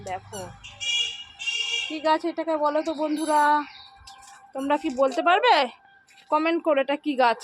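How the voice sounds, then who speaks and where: A woman's voice: high voice, normal speed, pauses often. A woman recording a casual home vlog on a phone outdoors, showing viewers around and often asking them to look and answer questions. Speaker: vlogger. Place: outdoors on a home rooftop garden. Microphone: handheld phone. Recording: handheld phone recording with clear background noise.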